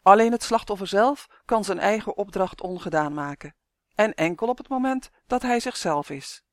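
A reader narrating a children's storybook in a steady, clear way. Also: mid-range voice, moderate pace, dry recording, clean studio sound. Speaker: audiobook reader.

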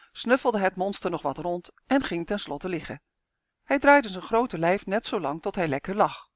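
A woman narrating a children's fantasy story in a measured, expressive way. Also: lowish voice, no echo, studio quality.

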